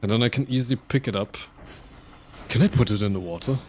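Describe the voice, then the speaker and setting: A man commentating live on his own gameplay in a casual, animated way, swearing and laughing at his mishaps. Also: medium pitch, fast talker, slight background noise. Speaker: streamer playing a game.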